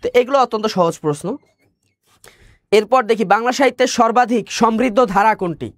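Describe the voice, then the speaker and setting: A man's voice: high-pitched, brisk, no room sound, clean studio sound. A male teacher with a Bangladeshi Bengali accent giving an online exam-prep lecture, explaining step by step, repeating key words and asking the class questions.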